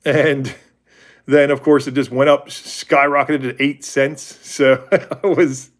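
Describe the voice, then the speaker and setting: A man's voice: medium pitch, steady tone, slow pace. 40s guy rambling on a faith livestream, candid, keeps correcting himself. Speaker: livestream host. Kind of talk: casual faith talk with viewers.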